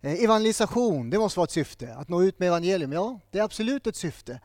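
High-voiced man preaching in emphatic repetitions. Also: big pitch swings, darkish tone, no echo, clean studio sound. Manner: emphatic, stacks repeated short phrases. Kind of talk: sermon.

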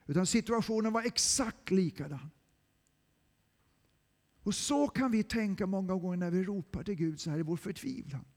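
A man preaching a sermon in a church, swinging between loud cries and hushed whispers. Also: high-pitched, big-room sound. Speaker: pastor.

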